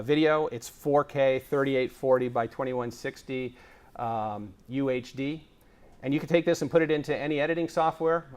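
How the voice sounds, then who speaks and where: This man has a mid-range, slightly mellow voice as he presents on video production at a tech conference. Energetic and explanatory, he leans heavily on fillers while speaking from the stage.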